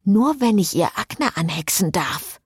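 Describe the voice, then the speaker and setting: A woman voicing a hot-tempered young woman who curses loudly, reading an audiobook. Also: lowish voice, big pitch swings, measured pace, breathy edge, no room sound, studio quality, exaggerated voice. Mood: cheeky. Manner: angry, loud, cursing.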